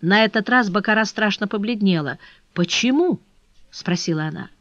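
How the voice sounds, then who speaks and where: Audiobook narrator, dramatic expressive reading, dry close sound, slightly dull. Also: medium pitch, a little fast, no echo. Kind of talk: scripted novel narration.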